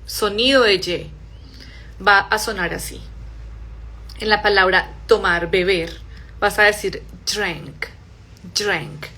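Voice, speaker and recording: A young Spanish-speaking instructor, medium-pitched and with fairly even intonation, teaches English pronunciation live. She explains in Spanish and demonstrates English words in a slow, soft way.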